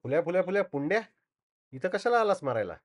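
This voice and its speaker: Man playing an excitable gossipy shopkeeper. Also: a little high, normal speed, close to an everyday voice. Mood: astonished. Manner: loud, exclaiming, gossipy. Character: excitable male bicycle-shop owner, gossipy. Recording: slightly dull lo-fi recording.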